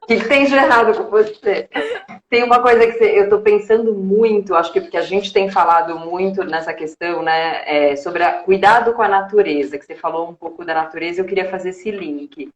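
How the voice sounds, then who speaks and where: A woman's voice: lowish voice, fairly quick, hardly any pauses, highs cut off. A woman with a Brazilian Portuguese accent hosting a live talk and chatting candidly with her guest over a video call. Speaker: live stream host. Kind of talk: casual chat. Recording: echoey room.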